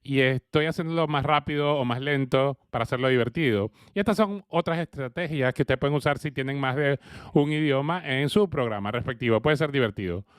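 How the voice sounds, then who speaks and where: A man interpreting an early childhood education lecture, speaking slowly and haltingly with frequent fillers. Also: medium pitch, smooth, no echo, clean studio sound. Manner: hesitant, with frequent fillers and uneven pace.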